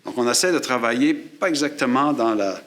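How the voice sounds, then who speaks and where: A man's voice: mid-range voice, lively intonation, fairly quick, fairly bright tone. Man explaining sound gear. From Quebec. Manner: explanatory, demonstrating gear while talking. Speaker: photography and sound instructor. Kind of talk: classroom demonstration. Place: studio table set up for filming. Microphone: shotgun mic on a boom above, aimed at his chest.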